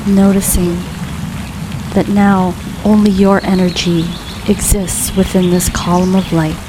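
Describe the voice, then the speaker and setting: A woman leading a guided grounding meditation in a calm, soothing, unhurried way, leaving long pauses between phrases. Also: fairly low pitch. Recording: steady rain noise behind voice. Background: rain falling.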